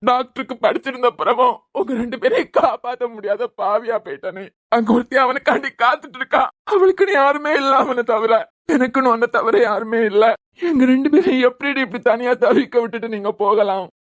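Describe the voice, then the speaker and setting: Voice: mid-range voice, brisk, hardly any pauses, no echo, lightly acted. A heartbroken young man from a cartoon web series, voiced by a performer, mourning in a choked, sorrowful voice with a Kanyakumari Tamil accent. The recording is dry and close. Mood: grieving. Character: grieving young man, heartbroken over his friend. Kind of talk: cartoon voice acting.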